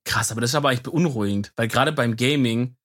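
A young man chats in a relaxed, teasing way, with plenty of fillers. His voice sits at an ordinary middle pitch. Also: rapid-fire. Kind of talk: casual chat.

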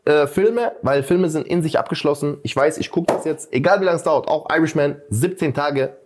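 A man's voice: fairly high pitch, moderate pace, noisy background. A man co-hosting a casual podcast chat, ranting heatedly and often calling the others "Bruder". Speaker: podcast co-host.

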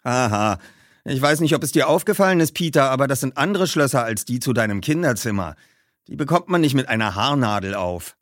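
A man's voice: mid-range voice, animated, brisk, no room sound, studio quality, close to an everyday voice. A man voicing a boastful, offhand rich teenage skater boy. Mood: mocking. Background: background music.

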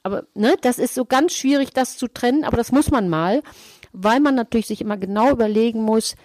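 A woman's voice: a little high, brisk, darkish tone, dry recording. A woman therapist co-hosting a casual talk podcast, explaining with lots of rhetorical questions. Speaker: therapist and co-host.

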